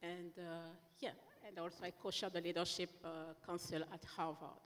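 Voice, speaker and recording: A woman from the Democratic Republic of the Congo introducing herself on a panel, halting, on a handheld mic in a large hall. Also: on the low side, level tone. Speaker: panelist, entrepreneur. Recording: long hall reverb.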